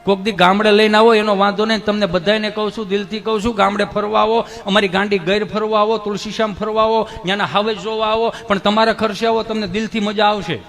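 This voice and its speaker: A man telling comic folk stories on stage, putting on squeaky voices for other people. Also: little pitch movement, fast talker, few pauses, a bit bright. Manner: acts out other voices in high squeaky tones. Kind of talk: Gujarati dayro stand-up storytelling to a live audience.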